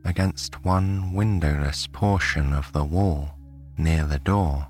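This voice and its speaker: Slow, deep-voiced British man reading a bedtime story. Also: soft background music. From United Kingdom. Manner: slow, soft and soothing. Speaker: narrator. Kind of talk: bedtime sleep story narration.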